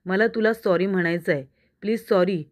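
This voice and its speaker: A proud young husband, pleading and then defensive, as a woman narrator reads him. She keeps her own mid-pitched voice for him. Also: fairly quick, close to an everyday voice.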